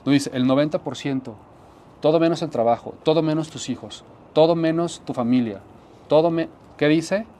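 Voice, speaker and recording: A man, a pastor giving an earnest sermon testimony, often repeating phrases and dropping to soft tones for emphasis. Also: on the high side, normal speed.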